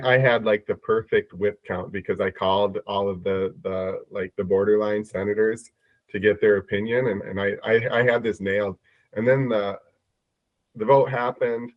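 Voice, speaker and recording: A man's voice: fairly low pitch, dry recording. A man with a Midwestern accent talking casually on a podcast, often repeating words as he thinks. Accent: Midwestern American. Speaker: podcast co-host. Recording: dull lo-fi dry sound.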